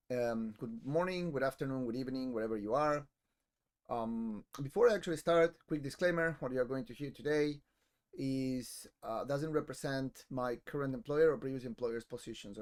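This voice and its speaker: A man's voice: medium pitch, moderate pace, darkish tone. Man telling a story in a talk. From Argentina. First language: Spanish. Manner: casual storytelling with frequent ums and restarts. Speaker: conference speaker. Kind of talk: conference talk.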